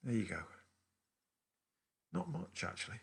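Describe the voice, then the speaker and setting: A man's voice: lowish voice, big pitch swings, a little slow, vocal fry, breathy edge, exaggerated voice. An actor playing a man with a London accent who tells his partner a story in a rambling, distracted way in a naturalistic stage drama. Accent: London English. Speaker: actor in a two-hander play.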